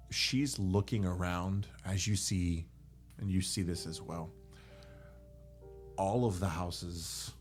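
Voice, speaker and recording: A man narrating a tabletop game as game master, halting, with frequent fillers and self-corrections. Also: sits low, darkish tone.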